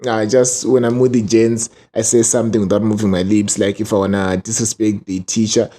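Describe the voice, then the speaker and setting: A man from Zimbabwe with a Southern African accent, a ventriloquist guest telling casual, animated stories full of slang and acted-out quotes. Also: lowish voice, fairly quick. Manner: casual, slang-laden, acts out quoted speech.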